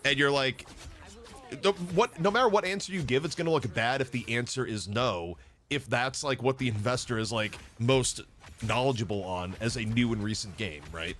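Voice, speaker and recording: Bright-voiced man, animated co-stream caster. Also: medium pitch, moderate pace. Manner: animated, joking storyteller. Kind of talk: casual esports co-stream chat.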